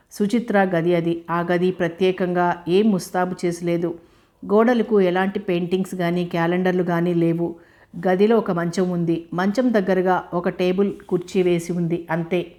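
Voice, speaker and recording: A woman with a lowish voice reads a novel aloud. Her storytelling is calm and even, as scripted audiobook narration. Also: normal speed.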